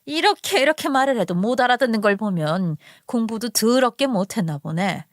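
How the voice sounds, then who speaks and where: A woman's voice: on the high side, expressive, normal speed, no room sound, clean studio sound, natural voice. A woman voicing a sneering snobbish mother-in-law. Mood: contemptuous. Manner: scornful, insulting, bossy. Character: haughty middle-aged woman, snobbish professor mother-in-law.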